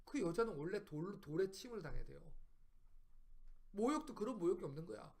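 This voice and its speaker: A man's voice: high-pitched, sing-song, brisk, a little mellow. A man teaching a Bible study in a preaching style, stressing points by repeating phrases and firing rhetorical questions at his listeners.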